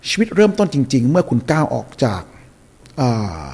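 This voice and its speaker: Fairly high in pitch with lively intonation, his voice is a little mellow and breathy and moves at a moderate pace. He's on a podcast handing out motivational advice, emphatic and preachy, driving his points home through repetition.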